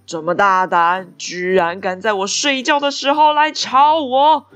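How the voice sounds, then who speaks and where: A woman voicing a big proud male lion in a bedtime story, booming and haughty. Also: little pitch movement, measured pace, fairly bright tone, lo-fi sound, soft background music, natural voice.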